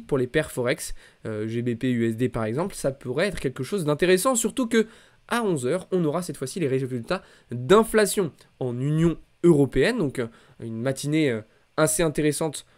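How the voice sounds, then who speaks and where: A man's voice: fairly high pitch, a little mellow. A man hosting a markets recap, speaking in a casual, conversational and hesitant way with repetitions. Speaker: host of a weekly markets recap. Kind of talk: casual financial market commentary.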